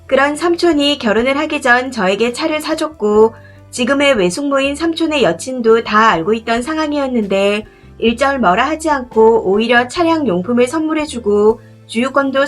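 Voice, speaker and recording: A woman narrating a first-person story in a steady, measured reading voice. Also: fairly high pitch. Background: faint background music.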